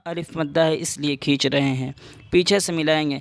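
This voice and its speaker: A man teaching Quran reading as a lesson, spelling out letters slowly and drawing out each syllable, then explaining in quicker speech. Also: on the high side, steady tone, vocal fry, no room sound, studio quality. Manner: drawn-out syllable-by-syllable recitation between quicker explanations.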